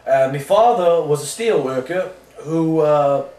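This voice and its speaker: A man playing an oblivious washed-up rock singer in a mock interview, rambling deadpan through absurd tangents. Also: on the high side, a little slow. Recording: roomy sound from a distant mic.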